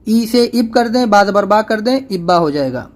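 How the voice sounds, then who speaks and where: A man teaching Quran reading step by step, patiently repeating letter spellings slowly and firmly. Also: high voice, animated. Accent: Urdu. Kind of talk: step-by-step recitation lesson.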